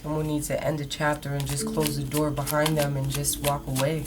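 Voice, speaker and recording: Female tarot reader, lower register, casual and direct mystical horoscope delivery, prominent music underneath. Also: little pitch movement, brisk, heavy background noise. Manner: casual, conversational, addressing listeners directly. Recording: loud background music. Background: music, shuffling cards.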